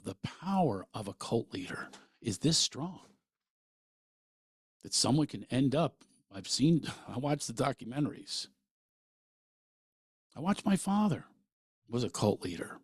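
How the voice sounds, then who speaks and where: A middle-aged man from Pennsylvania hosting a podcast, telling stories in an animated, rambling way full of asides. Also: lowish voice, vocal fry, dry recording. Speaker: podcast host, comedian. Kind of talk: storytelling monologue.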